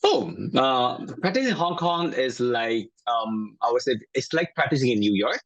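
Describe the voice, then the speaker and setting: A man's voice: medium pitch, expressive, moderate pace, a bit bright, dry recording, poor audio. A man from Taiwan, a native Chinese speaker, talking as a guest chiropractor in a casual interview, friendly and hesitant with many fillers.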